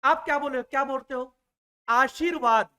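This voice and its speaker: A man with a very high, pushed and bright voice, speaking at normal speed, gives a classroom lecture for Hindi exam prep. He goes over every point twice and keeps making sure the students keep up.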